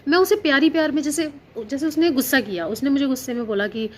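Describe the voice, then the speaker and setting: A woman's voice: high voice, quick pace, slight background noise. A woman in her thirties, a housewife and teacher, talking earnestly in a casual parenting vlog, often repeating herself and slipping English words into her talk. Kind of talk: casual chat about parenting.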